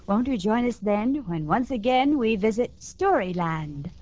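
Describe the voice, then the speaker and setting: A woman's voice: on the high side, lively intonation, measured pace, a little mellow. Woman narrating on an old broadcast disc. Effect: old broadcast disc recording. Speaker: storyteller and show host. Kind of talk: children's radio story narration. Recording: dull lo-fi 1950s radio transcription with music.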